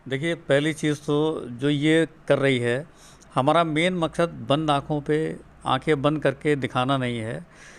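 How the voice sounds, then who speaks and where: A middle-aged man from Uttar Pradesh, speaking as a father answering questions in an interview. His voice sits a little high, and he explains his points in an earnest, steady way. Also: measured pace, clear, resonant tone. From Uttar Pradesh, India. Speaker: guest, father of a student.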